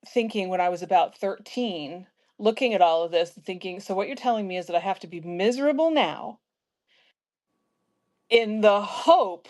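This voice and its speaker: A woman in her fifties from South Central Pennsylvania, hosting a casual conversation and telling stories with lively asides. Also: medium pitch. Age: 50s. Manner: storytelling, animated asides. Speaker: host.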